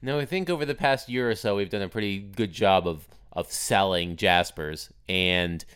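A man appearing as a guest reporter on a sports podcast, speaking in a measured, plain way. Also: low voice, fairly bright tone, smooth. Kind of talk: casual sports podcast chat.

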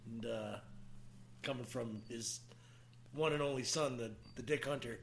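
A man's voice: mid-range voice, measured pace, fairly bright tone, a little hiss or hum. A man hosting a podcast in casual comic banter, teasing and swearing freely. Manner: teasing, profane. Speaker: podcast host.

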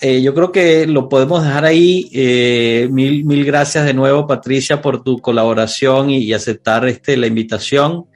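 A man's voice: mid-range voice, fairly even intonation, moderate pace, hardly any pauses. A man with a Latin American accent hosting a casual sports podcast discussion. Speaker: podcast host.

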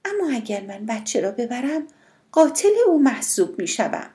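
Brief: a woman playing a calm, firm sister in an audiobook, measured and a bit higher than her narrating voice. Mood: calm reasoning. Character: steady, reasoning adult sister, calm and firm.

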